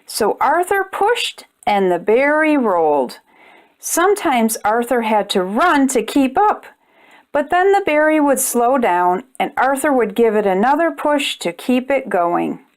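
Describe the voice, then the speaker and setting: A woman with a high, very lively voice reads aloud at a slightly slow pace during a children's storytime. She narrates expressively and talks directly to her young audience.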